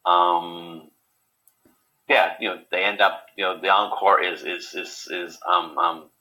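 A man in a casual interview, talking haltingly with many repeated words and fillers. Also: low-pitched, little pitch movement, bright, forceful tone, rough recording. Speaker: guest.

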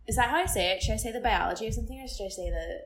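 A woman's voice: fairly high pitch, very fast, a little hiss or hum. A young woman co-hosting a casual podcast, chatty and giggly, with many "like" fillers. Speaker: podcast co-host.

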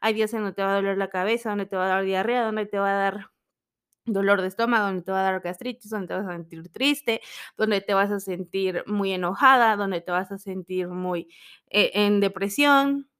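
A woman's voice: mid-range voice, moderate pace, clean tone. Chatty young woman telling stories. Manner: chatty, storytelling, expressive quoted voices. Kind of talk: casual personal talk.

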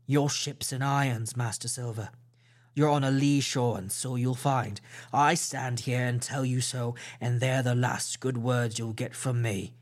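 In an audiobook character voice, a male reader plays a stern, disciplined ship's captain issuing clipped, measured orders, unbending and formal. He pitches it a touch lower and slower than the narration in this storybook reading, keeping a steady tone and acting it only lightly.

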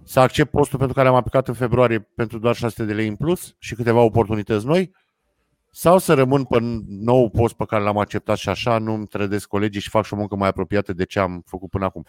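A man's voice: on the low side, no room sound. A man hosting a podcast, reading listener comments aloud in casual chat with dry jokes.

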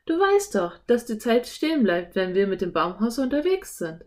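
Storybook: bold, excited little girl, high and loud, exclaiming, read by a woman. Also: moderate pace. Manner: breathless, exclamatory.

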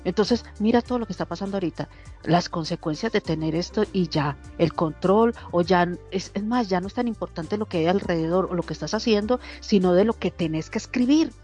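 A woman's voice: fairly low pitch, fairly quick, faint music behind. A woman telling everyday stories in a casual group discussion, acting out other people's dialogue as she goes. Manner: lively storyteller who acts out quoted dialogue. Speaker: discussion participant.

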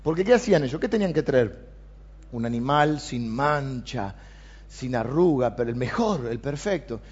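A man with a Rioplatense Spanish accent, preaching a sermon and reading scripture aloud with animated emphasis. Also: medium pitch, moderate pace, breathy edge. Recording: dull lo-fi sound.

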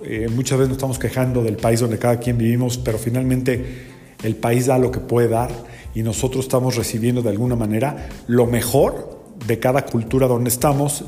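A man hosting a daily numerology talk, speaking calmly and stretching out key words, his voice ringing with a heavy hall echo. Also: medium pitch. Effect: heavy hall echo, like a cathedral. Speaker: psychotherapist and numerologist host. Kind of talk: daily numerology podcast monologue. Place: large echoing room. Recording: long echoey reverb with faint music.

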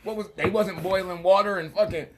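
A man's voice: high-pitched, steady tone, a little fast. A man co-hosting a casual podcast, talking emphatically with plenty of profanity. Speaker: podcast co-host. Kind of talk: casual chat. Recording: loud background noise.

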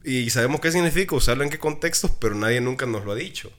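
A man's voice: medium pitch, expressive, quick pace, a bit bright. A man with a Salvadoran accent in a casual podcast chat, talking in a reflective way with a scholarly vocabulary. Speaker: podcast co-host or guest.

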